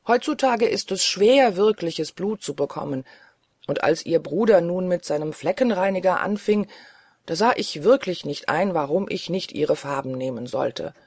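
A reader voicing a weary, lonely old male ghost in a soft, dreamy, mournful manner, from an audiobook reading. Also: medium pitch, animated, normal speed, dry recording, studio quality. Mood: sheepish.

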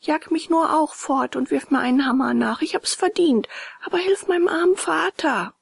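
A woman's voice: high voice, moderate pace, creaky, no echo, clean studio sound, voice pushed up. A woman voicing an earnest, remorseful wooden puppet boy in a storybook, talking eagerly and pleading.

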